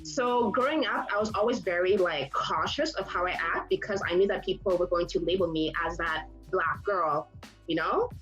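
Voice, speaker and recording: A woman's voice: on the low side, moderate pace, a bit bright, faint music behind, low-quality recording. A woman from Canada, outgoing and direct in a casual podcast discussion. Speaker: podcast co-host.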